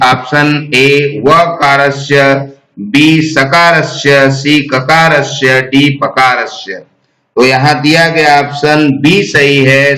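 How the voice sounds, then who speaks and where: Slow bright-voiced man reading quiz answers. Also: medium pitch, echoey room, rough recording. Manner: slow, deliberate recitation of options. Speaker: exam prep teacher.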